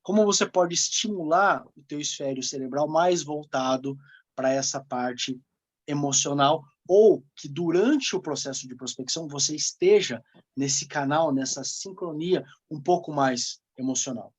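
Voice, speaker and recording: A man with a Brazilian Portuguese accent, coaching as a sales mentor in an emphatic, animated way. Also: fairly high pitch, a little slow. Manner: emphatic, animated, laughs often. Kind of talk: coaching talk.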